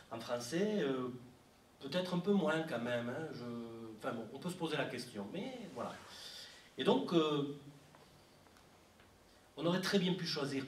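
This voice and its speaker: A man giving a university lecture on translation, animated, with frequent fillers and restarts. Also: fairly high pitch, a little hiss or hum. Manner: animated, repeats himself, many fillers. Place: university library lecture room. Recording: echoey room, mic from far off.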